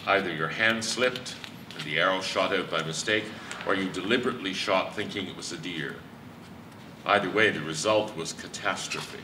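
A man playing a steady, measured chief inspector on a live stage, picked up in an echoey hall from a distance. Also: deep voice, noisy background, lightly acted. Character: calm, firm male chief inspector. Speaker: stage actor. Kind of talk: amateur stage play.

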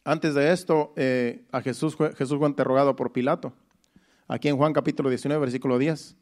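A man's voice: medium pitch, fairly even intonation, brisk, a little mellow. A man preaching a Sunday sermon. He explains each verse step by step, restating it in plain words and often repeating phrases.

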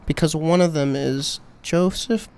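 A man's voice: fairly high pitch, measured pace, darkish tone, smooth. A young man co-hosting a comedy podcast in casual chat, profane and teasing, who slips into mocking voices. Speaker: podcast co-host.

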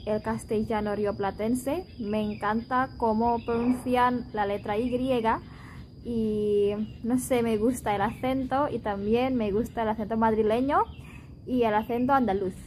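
A woman in her twenties from Indonesia, a Spanish teacher, answering interview questions thoughtfully in her learned Spanish with pauses. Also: fairly high pitch, fairly even intonation, a little mellow, slight background noise, poor audio. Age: 20s.

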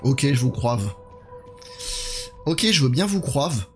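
A man's voice: mid-range voice, very animated, slow pace, soft background music. A man doing casual live commentary on a horror game while chatting with his viewers.

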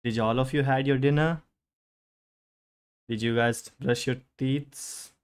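Young male streamer, Indian English accent, mid-pitched voice, playful and teasing with chat. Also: steady tone, slow, clear, resonant tone. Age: young adult. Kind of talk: casual live-stream chat.

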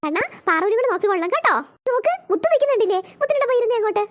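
Fast, bouncy cartoon teacher, voiced by a woman; Malayali lilt, coaxing sing-song, pitched very high. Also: lively intonation, background noise. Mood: soothing. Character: cheerful female preschool teacher coaxing children. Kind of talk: cartoon voice acting.

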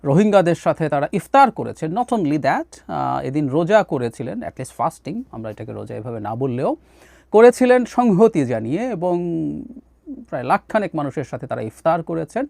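A man from Bangladesh gives solo political commentary, animated, with frequent "ah" fillers and English phrases. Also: on the high side, moderate pace, vocal fry, dry recording.

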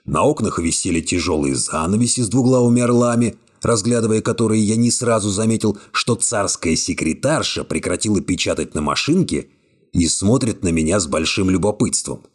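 A man reading an audiobook aloud in scripted narration, with a wry, expressive storytelling manner. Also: lowish voice, a little fast, slightly rough.

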